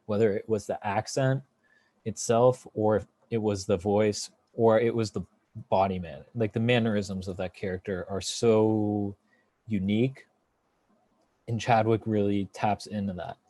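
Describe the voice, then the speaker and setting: A man's voice: on the low side, warm tone, dry recording. A man hosting a casual film review chat, talking with enthusiasm and rambling through fillers and restarts. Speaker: podcast host.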